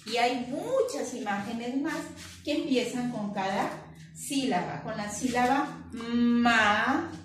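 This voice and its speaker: Heard off-mic in an echoey room with faint background noise, a woman from Peru gives a remote lesson to small children. A preschool teacher with a Peruvian Spanish accent and a slightly high voice, she pronounces syllables slowly and lengthily while praising the kids often.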